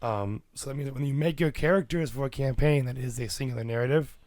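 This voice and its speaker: A man with a raspy, hoarse voice, talking through a subject in casual podcast chat. He speaks at an even middle pitch and keeps going steadily with fillers. The sound is dry and close. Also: fast talker, dry recording. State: hoarse from illness. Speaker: podcast co-host. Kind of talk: casual chat about tabletop games.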